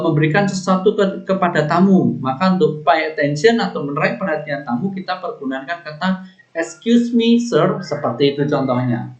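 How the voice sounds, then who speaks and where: A man working as a hospitality trainer, giving an unhurried instructional lecture over slides and explaining each point step by step. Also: a little high. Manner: unhurried, explanatory, ends points with a tag phrase. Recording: echoey room, dull lo-fi sound.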